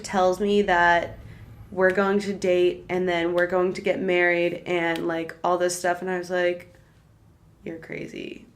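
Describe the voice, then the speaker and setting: Young female co-host, slow unhurried delivery, slightly low voice, chatty storytelling. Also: a bit bright, a little hiss or hum. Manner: slow, drawn-out storytelling, lots of "like". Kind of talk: casual chat.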